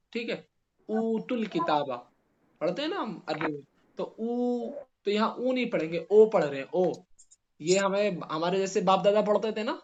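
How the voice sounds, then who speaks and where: A male grammar teacher giving a classroom lesson, spelling out letters slowly and putting questions to his students. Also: sits high, darkish tone, muffled recording.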